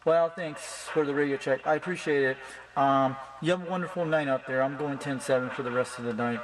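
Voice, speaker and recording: A hobbyist demonstrating his radio setup chats casually, rambling and repeating himself as he tests the gear. He has a mid-range voice and talks a little fast. Loud steady noise and a strong hum run through the very noisy amateur recording.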